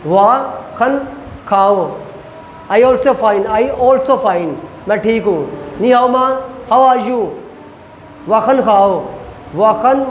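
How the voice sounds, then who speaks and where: A man teaching a class, explaining rules step by step and slowly repeating example phrases. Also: very high-pitched. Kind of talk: classroom lecture. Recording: echoey lecture hall with faint noise.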